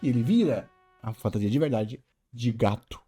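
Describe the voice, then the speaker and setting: A man hosting a casual animated-film review, opinionated and given to restarting his phrases. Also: mid-range voice, moderate pace, breathy edge, soft background music. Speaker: video essay host.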